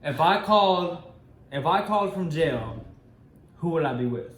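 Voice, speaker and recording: A man's voice: fairly high pitch, animated, measured pace. An American man in his twenties chatting casually and informally as co-host of a couple's Q&A. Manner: informal, slangy. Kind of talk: casual chat. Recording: roomy echo, faint background noise.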